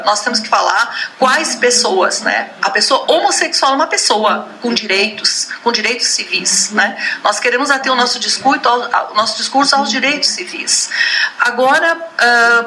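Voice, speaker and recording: A woman from Brazil, a guest in a radio debate, explaining her points in a measured, lecturing way with frequent tag questions. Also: on the high side, pushed and bright, rough recording. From Rio Grande do Sul, Brazil. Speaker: invited expert on a radio debate. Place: radio studio.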